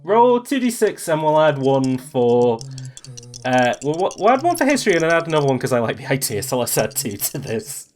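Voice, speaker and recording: A man's voice: fairly high pitch, very animated, moderate pace, a little hiss or hum. A man casually narrating and improvising a tabletop game as game master.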